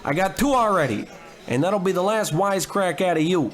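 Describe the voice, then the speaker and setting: A man with a high, expressive voice moves briskly as both narrator and lead actor, portraying a hapless, hard-drinking, cocky private detective in a comedic old-time radio noir. The character is stubborn and brash, prone to wisecracks and overwrought monologue.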